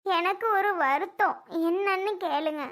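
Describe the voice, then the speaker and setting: A woman playing a sulking young wife, very high pitch, evasive replies. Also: unhurried, a bit bright. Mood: grudging. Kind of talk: family skit acting.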